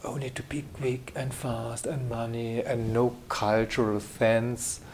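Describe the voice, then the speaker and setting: A middle-aged German graphic designer answers interview questions in German-accented English, his mid-range male voice level, unhurried and darkish in tone, with a slight hiss or hum. He hesitates often, full of fillers and restarts.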